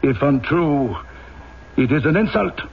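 An actor playing a rigid, coercive police inspector in an old-time radio drama, with clipped, formal, insistent questioning. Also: male voice, a little high, expressive, a little slow. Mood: sternly accusing. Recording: dull, noisy old radio broadcast.

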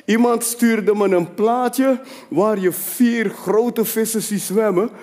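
A man with a fairly high voice preaching a sermon in a large church hall, where a long reverb trails his words. He swings between quiet, confiding asides and loud, rising declarations. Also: takes it slowly. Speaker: apostle preaching.

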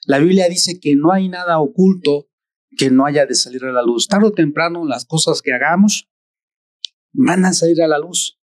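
Un predicador con acento mexicano que da un sermón de forma lenta, deliberada y enfática. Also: male voice, a little high, no echo, clean studio sound. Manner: slow, deliberate, emphatic preaching. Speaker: preacher. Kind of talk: sermon.

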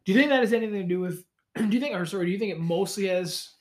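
High-voiced casual man in a garage. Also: rapid-fire, darkish tone. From Canada. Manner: rambling, self-correcting, laid-back. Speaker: podcast co-host. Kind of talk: casual sports chat. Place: cold home garage.

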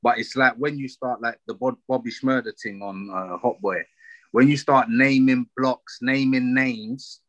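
A man with a London accent giving opinions in a casual discussion, forceful and slangy, often checking that he is being followed. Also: mid-range voice, steady tone, measured pace, no room sound, highs cut off.

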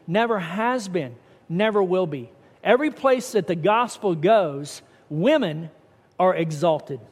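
A middle-aged man preaches a sermon to his congregation, earnest and conversational, building to emphatic points. His voice sits high for a man. The sound carries a long, hall-like reverb. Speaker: pastor.

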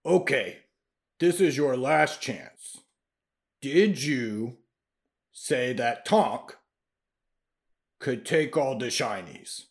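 A man voicing a huge, slow-witted male brute who talks in broken, simple English, loud and menacing. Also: mid-range voice. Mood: slow demanding.

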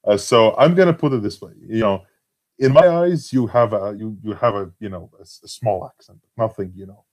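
A man from Latvia, speaking with a Latvian accent, is interviewed as a forum member in a casual conversation. His fairly low, darkish voice moves fairly quickly, and he talks hesitantly with many fillers and restarts.

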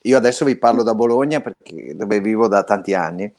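Radio guest on a remote line, a man from northern Italy, lively and prone to restarts. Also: on the low side, brisk. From Belluno, northern Italy. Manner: lively, restarts words often. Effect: remote caller's voice over an internet line. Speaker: guest calling in to a radio show. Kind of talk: casual chat, telling a story.

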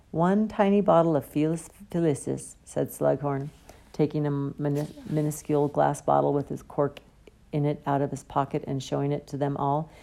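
A woman reading a novel aloud as audiobook narration, in a steady storybook manner. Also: deep voice, creaky. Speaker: audiobook reader. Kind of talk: scripted narration.

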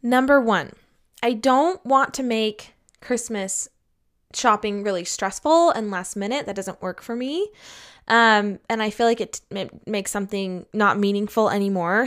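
A woman talking casually and candidly in an upbeat advice vlog, emphatic and chatty, laying out her points in an organized way. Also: on the high side. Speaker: advice vlogger.

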